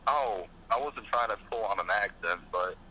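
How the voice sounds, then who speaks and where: A man's voice: lowish voice, normal speed, over a noisy crowd, low-quality recording. A man talking casually as a podcast host, ranting in a profane, fired-up way and putting on mocking voices. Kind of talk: casual chat.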